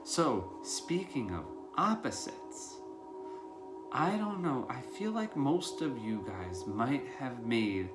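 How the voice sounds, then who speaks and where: A mid-range, sing-song male voice reads slowly over loud background music. He's a preschool teacher in his thirties, indoors in a home living room, reading a picture book and speaking simply and directly to small children with questions and plain explanations.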